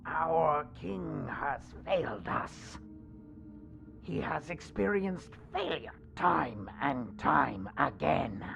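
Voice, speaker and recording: A man voicing a zealous kobold cult preacher in a tabletop game, creaky and solemn, preaching slowly and theatrically to his acolytes. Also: medium pitch, fairly bright tone, slight background noise, full character voice. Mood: grave, disillusioned. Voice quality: creaky, gravelly. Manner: solemn, slow, theatrical sermon delivery. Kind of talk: in-character tabletop game monologue.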